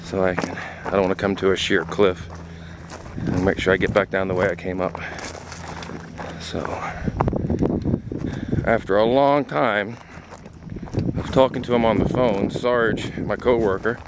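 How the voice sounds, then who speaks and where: A middle-aged man films himself hiking across an open, windy mountain top, rambling in a relaxed, casual way to the camera as he walks. His fairly low voice is unhurried, with long pauses. The handheld camera mic picks up loud wind noise.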